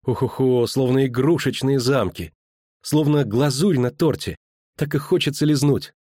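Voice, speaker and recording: A sharp-tongued young girl, teasing and sulky, done by a man lifting his low voice. The reading sits higher than his narration, dry and close-miked. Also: normal speed, no room sound, lightly acted.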